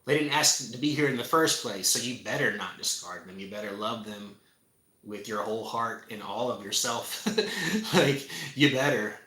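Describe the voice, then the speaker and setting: A man's voice: on the low side, lively intonation, normal speed, pushed and bright. Impassioned, profane man in a roomy space. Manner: profane, emphatic, impassioned, repeats himself. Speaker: spiritual practitioner. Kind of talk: casual confessional monologue. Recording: roomy echo.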